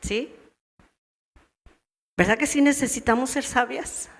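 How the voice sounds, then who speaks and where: A woman speaking with a Mexican Spanish accent teaches a church group of women, posing one question after another and performing the wives' responses. She has a high voice and takes her time; the church adds a long, echoing reverb.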